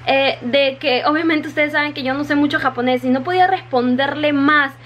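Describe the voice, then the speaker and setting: Chatty high-voiced woman vlogging. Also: steady tone, fairly quick, fairly bright tone, a little hiss or hum. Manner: chatty, repeats words, often says "chicas". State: wet from the rain. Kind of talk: casual vlog to the camera. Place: her home in Japan.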